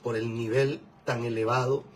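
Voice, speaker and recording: A man's voice: mid-range voice, little pitch movement, moderate pace, a little hiss or hum, poor audio. A man preaching a sermon as a pastor, emphatic and scolding. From Venezuela.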